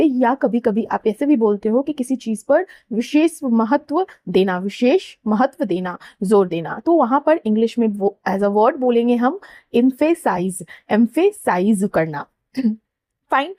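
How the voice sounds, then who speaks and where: A woman teaches vocabulary in a patient, repeating way, often pausing to check understanding. Her voice sits a little high and sounds soft and mellow. The recording is close and dry, with no room sound. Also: no room sound. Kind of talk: explaining word meanings.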